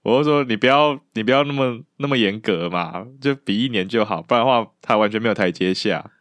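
A man's voice: on the low side, fairly quick, a bit bright, no echo. A man, co-hosting a casual baseball chat with dry, teasing jokes. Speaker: podcast co-host.

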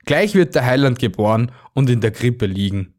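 A man's voice: mid-range voice, animated, moderate pace, a little mellow, lightly acted. A man voicing a kindly but firm male archangel in a storybook reading. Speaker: podcast co-host.

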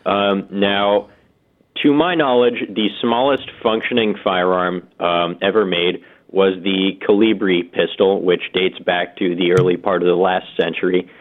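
Young male trivia guest, low deadpan delivery, measured and factual, dull call-in sound. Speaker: firearms trivia guest on a radio segment. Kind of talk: informative answering with dry banter.

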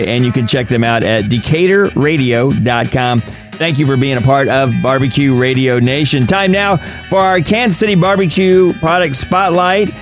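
A middle-aged man co-hosting a radio talk show, chatting casually and joking with quick asides. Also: a little high. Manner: jokey, laughing, quick asides.

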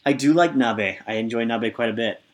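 A man with a middle-pitched, ordinary voice and a relaxed, loose way of talking. He chats easily, laughs often and drops casual asides. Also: fairly quick. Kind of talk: casual chat.

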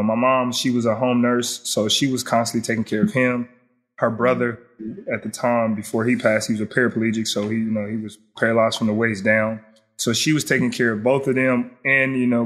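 A man's voice: mid-range voice, fairly bright tone. A young man, an interview guest, recalls a personal loss in a reflective way, often saying "you know".

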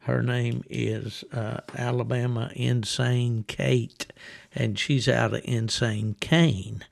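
Guy hosting a podcast, talks real slow with lots of gravel, explains stuff and sets the scene. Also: medium pitch, steady tone. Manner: explanatory, scene-setting, unhurried. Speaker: podcast host. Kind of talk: conversational interview.

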